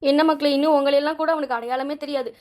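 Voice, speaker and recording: A woman's voice: high voice, steady tone, very fast, lightly acted. A woman voicing a sorrowful old village grandmother who talks in a plaintive, complaining way.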